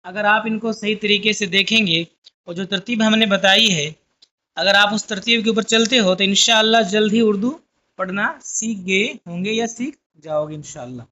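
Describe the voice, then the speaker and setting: A woman teaching an online language lesson, explaining letters and words slowly and deliberately, pausing often to check that students follow. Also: mid-range voice, pushed and bright. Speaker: Urdu teacher. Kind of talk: classroom lesson.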